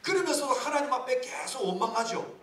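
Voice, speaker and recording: A man preaching a sermon as a pastor, lively and humorous, with many rhetorical questions. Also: very high-pitched, brisk. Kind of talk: sermon at a leaders' retreat. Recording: echoey hall from far off.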